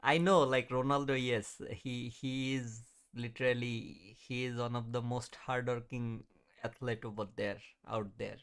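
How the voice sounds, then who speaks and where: A trading livestream host in his thirties talks a little slowly in a medium-pitched, clean, slightly bright voice with little pitch movement. He chats casually, answers viewers, laughs often, and mutters at the chart while watching it.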